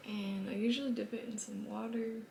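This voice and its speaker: A woman's voice: medium pitch, fairly even intonation, brisk, gravelly, darkish tone, slight background noise. A woman giving a casual, chatty makeup tutorial, rambling and often dropping to a whisper. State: a bit out of breath. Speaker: makeup vlogger.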